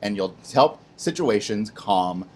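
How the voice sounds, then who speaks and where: Man, kids' show host, lively storyteller, lots of pitch swing, casual slang. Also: takes it slowly. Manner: animated, plays voices in his stories, casual slang. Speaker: children's ministry host. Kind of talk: kids' Bible lesson storytelling.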